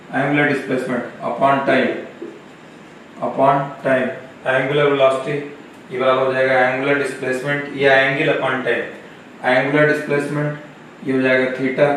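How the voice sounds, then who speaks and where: Man lecturing in an echoey classroom. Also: medium pitch. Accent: Marathi-influenced Hindi. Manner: slow, repetitive, asks and answers own questions. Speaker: physics teacher. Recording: echoey classroom, camera far off, faint noise.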